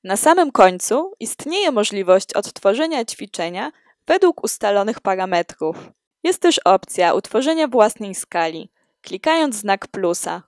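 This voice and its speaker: Woman walking thru an app demo, lively pitch, dry close sound, reads it steady. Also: measured pace, no echo. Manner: steady, explanatory, read from script. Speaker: student presenting an app. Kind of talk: scripted app walkthrough narration.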